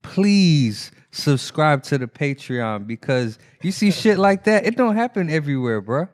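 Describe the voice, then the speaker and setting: A man's voice: fairly high pitch, very animated, a little slow. A man co-hosting a podcast, drawling emphatic asides in casual banter. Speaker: podcast co-host.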